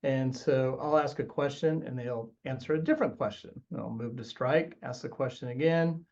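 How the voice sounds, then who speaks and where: A man's voice: mid-range voice, moderate pace, a little mellow, muffled recording. A man who works as a trial lawyer, telling an instructional story in an earnest way as a webinar guest. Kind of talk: instructional anecdote.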